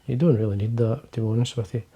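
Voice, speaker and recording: Seated at his fly-tying desk, this older fly-fishing host from Scotland talks fast but quietly, his low voice gravelly yet mellow and his tone steady. He wanders casually from point to point, full of fillers and restarts.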